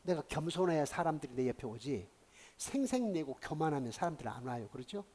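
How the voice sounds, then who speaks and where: A male pastor preaching a sermon, telling a story with dramatic swings from hushed tones to loud outbursts. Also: a little high, lively intonation, fairly quick.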